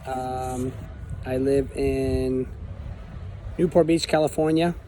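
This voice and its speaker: Man, mellow tone, earnest, halting with fillers, faint background noise. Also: medium pitch, fairly even intonation. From Argentina. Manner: earnest, hesitant with many fillers. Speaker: aspiring teacher. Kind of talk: casual self-introduction.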